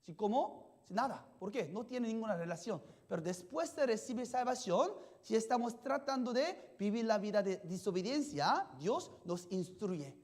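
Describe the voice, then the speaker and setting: A pastor preaching a sermon in simple, halting sentences. The pastor keeps asking the congregation questions and checking in with "yes?". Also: medium pitch, lively intonation, a little mellow. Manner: simple, halting phrasing with restarts.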